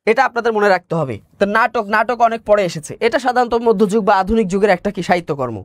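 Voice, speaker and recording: A man's voice: high voice, animated, very fast, no room sound. A male teacher with a Bangladeshi Bengali accent giving an online exam-prep lecture, explaining step by step, repeating key words and asking the class questions.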